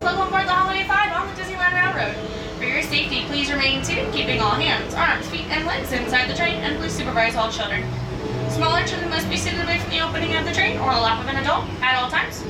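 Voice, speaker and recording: A woman working as a train conductor makes brisk, friendly safety announcements that are heard through outdoor loudspeakers. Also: very high voice. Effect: heard over outdoor train loudspeakers. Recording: echoey, distant loudspeaker with crowd and music.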